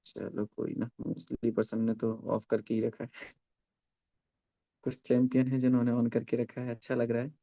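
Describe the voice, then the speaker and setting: A man running a live online training session for network marketing, dictating points slowly and checking in with listeners after nearly every sentence. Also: medium pitch, little pitch movement, dark tone. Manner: dictates slowly for note-taking.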